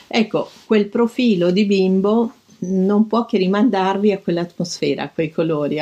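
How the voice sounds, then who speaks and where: An older woman speaking thoughtfully, pausing often with soft fillers as she reads passages aloud and reflects. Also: lowish voice, vocal fry. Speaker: design commentator recalling an artist.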